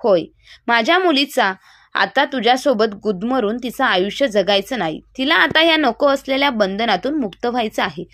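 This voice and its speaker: A woman's voice: fairly high pitch, expressive, normal speed, fairly bright tone, a little hiss or hum. A woman voicing a protective middle-aged mother who speaks in a soothing but firm way.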